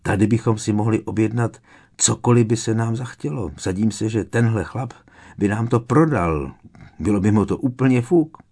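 A man voicing an eager, easily excited teenage boy wizard in an audiobook reading. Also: on the low side, slightly rough, pitched above the performer's own voice. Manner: eager, quick, boyish enthusiasm.

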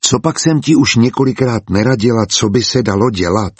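A husky-voiced man reading the part of a tired, insistent pregnant wife in a storybook, nagging and pleading. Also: medium pitch, no room sound, lightly acted. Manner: pleading and nagging, sharp at times.

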